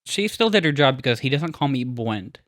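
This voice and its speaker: A man co-hosting a podcast in relaxed, casual conversation with friends. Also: mid-range voice, brisk, dry recording, studio quality. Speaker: podcast co-host. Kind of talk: casual group banter.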